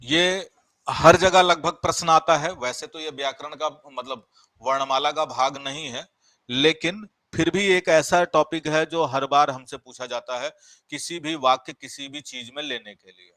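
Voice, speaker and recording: Male teacher, bright tense voice, dry close sound, quizzes the class, drags out key words. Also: fairly high pitch, a little slow, dry recording. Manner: explains by repeating and asking the class questions. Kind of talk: live online grammar class.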